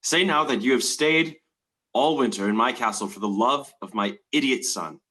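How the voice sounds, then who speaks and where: A man's voice: medium pitch, moderate pace, sharp tone, natural voice. A man playing a haughty, gloating old tyrant king with grand, menacing theatrical delivery in a play reading. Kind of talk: dramatic table read of a stage play.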